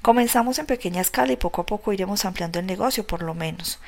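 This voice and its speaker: A woman reading the lines of an eager young man who is pitching a publishing business to his friends. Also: fast talker, lightly acted. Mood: persuasive.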